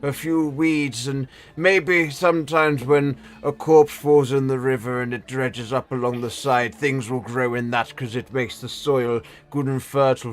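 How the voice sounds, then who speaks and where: A man voicing an eccentric, elderly herb-seeking wizard in a halting, repetitive, rambling delivery for a tabletop game. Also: medium pitch, lightly acted. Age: elderly figure. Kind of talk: tabletop role-play acting.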